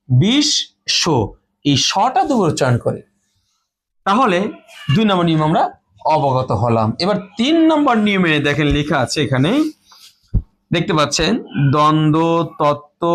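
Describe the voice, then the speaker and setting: A man with a high voice teaches a grammar lesson in front of a board. He works through each rule step by step and goes over every example word more than once. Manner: explains slowly, repeats each rule and example words. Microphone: phone or camera in front of a board.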